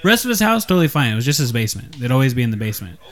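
A man's voice: mid-range voice, rapid-fire. Young guy rambling on a podcast, easygoing, mid voice, lots of "like". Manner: rambling, relaxed, full of fillers and jokes. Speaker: podcast co-host. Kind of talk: casual chat.

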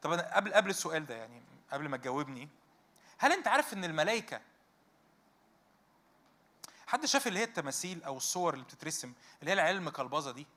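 Rapid, bright-voiced Egyptian preacher. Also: male voice, a little high. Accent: Egyptian Arabic. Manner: animated, fires rhetorical questions at the audience. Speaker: youth meeting speaker. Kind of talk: conversational sermon.

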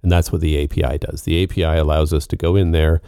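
Man, very low voice, mellow tone, casual podcast chat, patient explainer. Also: flat delivery, fast talker, dry recording, studio quality. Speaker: co-host.

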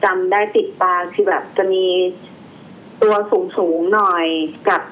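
A young woman telling a personal story in a casual chat, halting and hesitant, with many fillers. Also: medium pitch, fairly even intonation, fairly bright tone. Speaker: guest storyteller. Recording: slightly dull, faint background noise.

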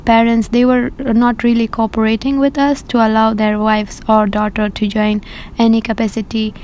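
A woman's voice: on the high side, flat delivery, normal speed, a little mellow, slight background noise, rough recording. A young woman from Afghanistan, an activist answering interview questions carefully, with many fillers and restarts. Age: young adult.

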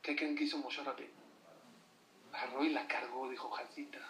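A man's voice: medium pitch, steady tone, normal speed, fairly bright tone, slight background noise. A man giving an emphatic sermon to an audience, often putting rhetorical questions to them. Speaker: religious teacher addressing an audience. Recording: echoey room, voice from far off.

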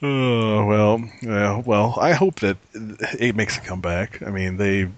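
Man, low voice, casual podcast host, laid-back, swears a lot, laughs easily. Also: measured pace, no echo, lo-fi sound. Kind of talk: casual gaming podcast chat.

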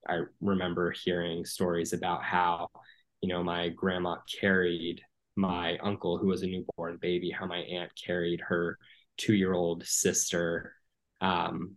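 Interview guest, man in his 30s from the US: low, level delivery, earnest, lots of "um"s. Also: monotone, low-quality recording. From United States. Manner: earnest, measured, many "um" and "you know" fillers. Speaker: guest, former political appointee. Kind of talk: podcast interview.

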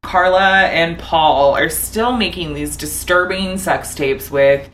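A woman's voice: on the low side, takes it slowly, a bit bright, a little hiss or hum, low-quality recording. A woman co-hosting a true-crime chat, casual and chatty with lots of fillers and outraged asides. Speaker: podcast co-host.

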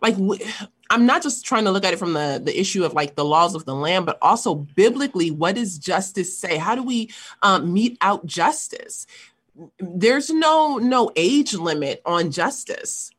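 A woman's voice: medium pitch, lively intonation, normal speed, husky. A woman in casual discussion, speaking earnestly and thinking aloud with frequent fillers.

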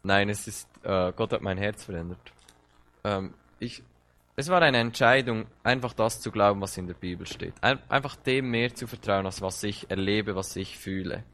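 A man with a fairly low voice delivers a sermon. He talks straight to his listeners with fervent, rising emphasis and often doubles his words as he drives a point home. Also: moderate pace, a bit bright. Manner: impassioned, direct address with rising emphasis and repeated words. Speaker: preacher.

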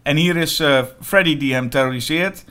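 A man co-hosting a podcast, talking casually about horror films in quick, animated bursts with many fillers. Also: on the high side. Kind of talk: casual film discussion.

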